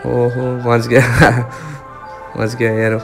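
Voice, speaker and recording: Road noise and music surround a young motovlogger in his twenties as he rides through a village, chatting informally and calling his viewers guys. Recorded outdoors on a helmet camera, his medium-pitched voice stays steady and extremely slow.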